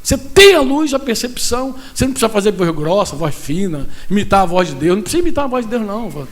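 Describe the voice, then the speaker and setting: A man with a Brazilian Portuguese accent preaching at a pastors' conference, animated and talking straight to his listeners with frequent asides. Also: sits high, fast.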